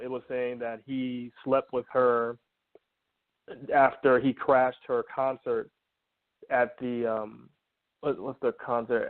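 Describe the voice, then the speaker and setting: A man co-hosting a podcast, animated and indignant as he recounts celebrity news in casual chat. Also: medium pitch. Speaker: podcast co-host. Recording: tinny phone line.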